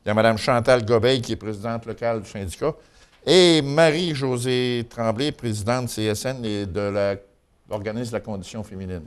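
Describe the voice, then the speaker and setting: A man's voice: medium pitch, moderate pace, smooth. A man with a Quebec French accent giving an informal local news chronicle in a folksy, colloquial way. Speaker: local news and gossip columnist.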